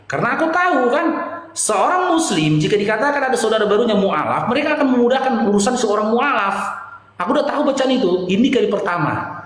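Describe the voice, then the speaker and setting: A man tells his personal story in a high, lively voice that leaps up and drops low. He sounds animated and emotional, and his voice rings out in an echoey hall with a long reverb tail. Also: fast talker. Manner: animated, swinging from loud to hushed. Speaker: guest telling his conversion story.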